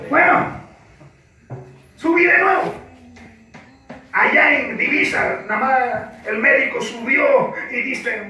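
A man with a Panamanian Spanish accent preaching a sermon, telling a story and breaking into fervent shouted refrains. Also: sits high. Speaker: pastor. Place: large echoey church. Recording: echoey church hall, distant mic, music.

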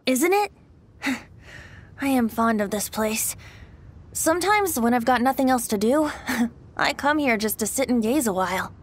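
A woman voices a playful, carefree young male bard in a video game who is secretly wise, using a light, boyish, lilting delivery. Her fairly high, animated voice is a little slow with frequent pauses, and the teasing mood is breezy and wistful.

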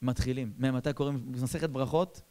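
A man, a rabbi, telling a story in a sermon, talking straight to his listeners in casual speech, with loud bursts and soft low asides. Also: steady tone. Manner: addresses listeners directly, colloquial.

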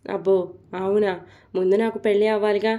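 Lady playing a caring young assistant, chatty and reassuring, soft mellow voice. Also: medium pitch, level tone, fairly quick, natural voice. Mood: soothing. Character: young female office assistant, caring and frank.

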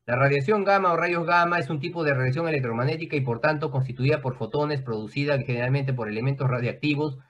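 A man's voice: mid-range voice, fast, few pauses, a bit bright, dull audio. A man teaching an online class, explaining at length in a conversational way and often checking in with his students.

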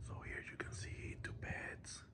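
Man whispering a travel vlog. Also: a little slow. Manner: soft whispering with frequent "you know" fillers. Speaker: ASMR vlogger. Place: hotel room. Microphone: recorded without the usual ASMR microphone.

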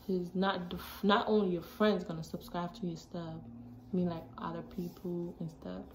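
A woman's voice: fairly low pitch, normal speed. Chatty teenage girl from Jamaica. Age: teens. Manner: chatty, animated, with frequent asides. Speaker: vlogger. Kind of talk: casual chat to camera. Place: small bedroom indoors. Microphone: phone camera at arm's length. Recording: echoey room, faint background noise.

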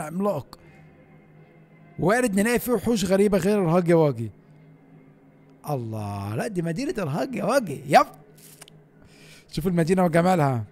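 A man with an Egyptian Arabic accent giving excitable, chatty gameplay commentary and talking straight to his viewers. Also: high-pitched. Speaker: gaming YouTuber.

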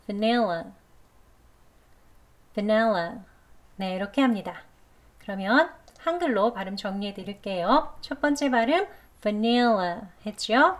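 A woman teaching English pronunciation, explaining patiently step by step and saying words slowly with careful over-articulation. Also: a little high. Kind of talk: pronunciation lesson.

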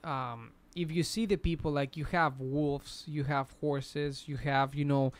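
A man's voice: on the high side, steady tone, a little slow. A man hosting a casual history podcast, explaining at length with frequent restarts.

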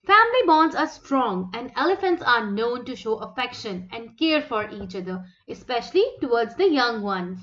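A woman's voice: a little high, very animated, moderate pace, hardly any pauses, fairly bright tone, muffled recording. A woman reading scripted nature documentary narration for children in a presentational, explanatory manner. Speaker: narrator of a children's educational animal video.

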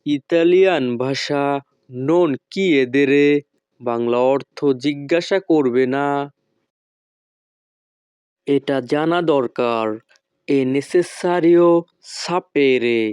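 A man teaching a language lesson, slowly and carefully repeating each phrase. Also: a little high, a little mellow, clean tone, dry recording.

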